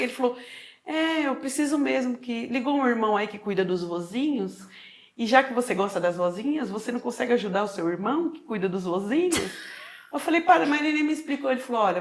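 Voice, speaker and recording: A middle-aged Brazilian woman telling her own story in a casual chat, acting out the dialogue with frequent tag questions. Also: on the high side. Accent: Brazilian Portuguese.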